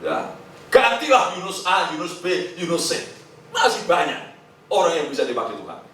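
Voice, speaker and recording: A man preaches with animated energy, slipping into quoted voices between points. His slightly high voice comes from some distance across a very echoey hotel hall. A faint hiss sits under it. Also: moderate pace. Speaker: pastor. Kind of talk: sermon.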